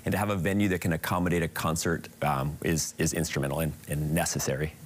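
Deep, fast-talking male stadium manager. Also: fairly even intonation. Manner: brisk, explanatory with fillers. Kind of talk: live studio interview. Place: TV news studio.

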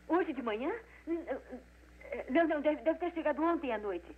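An actress dubbing an anxious, suspicious baroness in an old film, stammering and hesitant. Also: female voice, high-pitched, animated, normal speed. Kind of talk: 1940s Brazilian Portuguese film dub. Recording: tinny old film dub with hiss.

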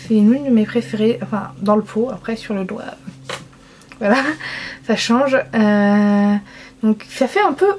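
A fairly high-voiced young woman from France talks through her makeup swatches in a loose, chatty way, gushing over colors and poking fun at herself. Faint room ambience hums behind her. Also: a little mellow, slight background noise. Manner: chatty, enthusiastic, self-mocking with frequent laughs. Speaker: beauty vlogger. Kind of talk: casual makeup swatch review.

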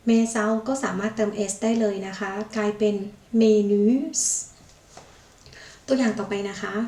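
A woman teaching a vocabulary lesson, saying each foreign word slowly, repeating it, and adding polite particles. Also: a little high, mellow. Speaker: language teacher. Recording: echoey room, mic far off.

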